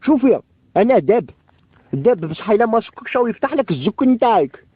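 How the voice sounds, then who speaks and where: An Algerian man with a high voice talks fast over a landline phone, the sound thin and narrow. He is crude and argumentative, bantering heatedly and peppering everything with swearing. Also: big pitch swings, husky, no room sound. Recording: thin, band-limited landline phone call.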